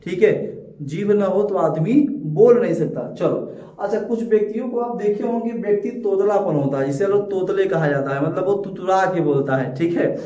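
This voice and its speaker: A man's voice: sits high, moderate pace, warm tone. A man teaching a lesson, repeating key words and asking his students rhetorical questions. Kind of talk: classroom lecture with call-and-response questions. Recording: echoey, distant, dull lo-fi sound.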